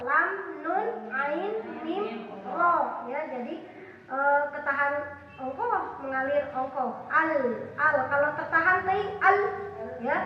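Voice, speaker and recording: A high-pitched woman leads a class. She quizzes the room and repeats sounds slowly. She is picked up from far off in a booming, dull-sounding hall. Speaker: teacher. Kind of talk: classroom teaching.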